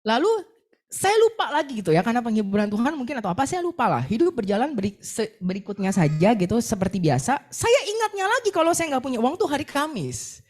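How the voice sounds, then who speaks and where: A young woman shares a personal testimony from the pulpit. Her fairly high voice rises and falls in wide, lively swings as she acts out her own words and prayers. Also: fast. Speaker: preacher sharing a testimony. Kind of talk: sermon testimony.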